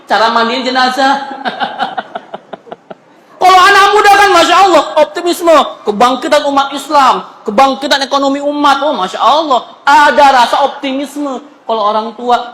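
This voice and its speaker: A man's voice: extremely high pitch, bright, forceful tone, roomy sound, in a large hall, slight background noise, low-quality recording. A male preacher giving a humorous, colloquial sermon in a mosque, joking with and addressing the audience directly. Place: mosque hall.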